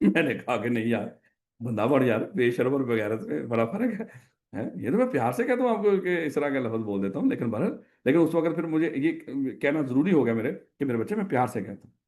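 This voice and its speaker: A male teacher with a Pakistani Urdu accent lectures a classroom of students, firing the same question again and again. His voice sits a little high, and he teases the class with fond, joking scolding. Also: a little mellow. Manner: repetitive questioning, affectionate and teasing.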